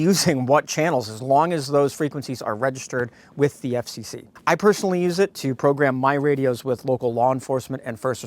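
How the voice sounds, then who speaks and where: Hosting a radio gear review channel, a medium-pitched man addresses his viewers directly in an informal, folksy product review. There's no echo on his voice.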